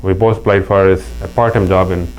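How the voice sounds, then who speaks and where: In this poor-quality clip with faint mains hum, an interview guest speaks casually: a middle-aged man from Pakistan with a Pakistani accent. His deep, darkish voice holds a steady tone at a slightly fast pace as he shares earnest anecdotes, frequently starting over.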